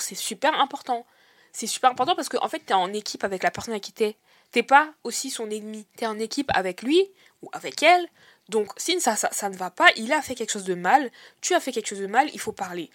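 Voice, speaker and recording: A young woman hosting a podcast, giving casual, animated advice straight to her listeners. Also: on the high side, dry recording, studio quality. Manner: animated, chatty, addresses listeners as "les gars". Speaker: podcast host.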